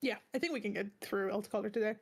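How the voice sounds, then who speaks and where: A woman's voice: medium pitch, racing, creaky. A young woman co-hosting a casual podcast, bubbly and giggly with lots of fillers. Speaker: podcast co-host. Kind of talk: casual chat.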